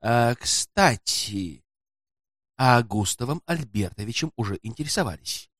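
Man playing a sly greedy hotel porter, folksy and servile, lively voice, dry close audio. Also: medium pitch, measured pace, no room sound. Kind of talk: audiobook character voice.

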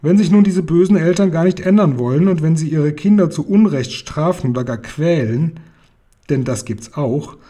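A man voicing a brisk, self-assured young girl who explains things firmly in a storybook reading. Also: fairly high pitch, dark tone, lightly acted.

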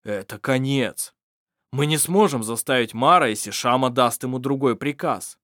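A reader voicing a calm man who speaks low and slow, in an audiobook. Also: no room sound, studio quality, natural voice. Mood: grim.

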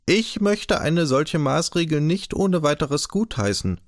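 A man voicing a small, humorless archive director who speaks calmly, measured and diplomatic in an audiobook. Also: on the high side, no echo, studio quality, voice pushed up.

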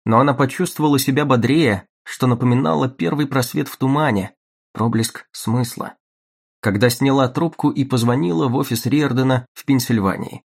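A man narrating an audiobook in a measured, even reading manner. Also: mid-range voice, gravelly, slightly rough. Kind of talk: scripted narration.

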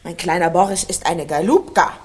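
An actress playing a volatile, mocking wife in a radio play, with a theatrical, taunting way of speaking. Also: female voice, on the low side, moderate pace, slightly rough. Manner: theatrical, taunting, emotional outbursts. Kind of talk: 1990 radio play acting.

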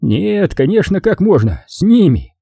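A man voicing a gruff middle-aged partisan commander who gives curt, commanding orders. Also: sits high, very animated, unhurried, warm tone, no room sound, clean studio sound, voice pushed up, heavily acted.

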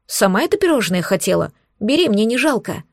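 Женщина читает взволнованную молодую девушку. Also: female voice, on the high side, very animated, a little fast, no echo, studio quality. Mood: friendly. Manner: friendly, then tearful. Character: young woman, demon's mate, emotional.

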